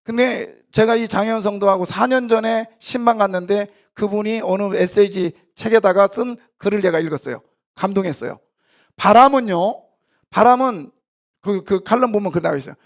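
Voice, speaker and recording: A man's voice: high-pitched, moderate pace. A man preaching a sermon in a church, talking casually with the congregation and firing questions at them while he acts out a scene. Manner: animated, questions the congregation directly; casual, half-informal banter with congregants. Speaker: pastor. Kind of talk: conversational sermon with live demonstration. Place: church sanctuary.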